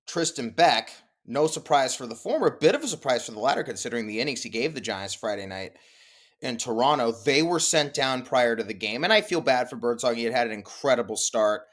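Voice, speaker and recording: Solo sports podcast host, male, mid-pitched, animated recap delivery with lively swings, self-deprecating asides. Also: moderate pace. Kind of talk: solo postgame baseball recap.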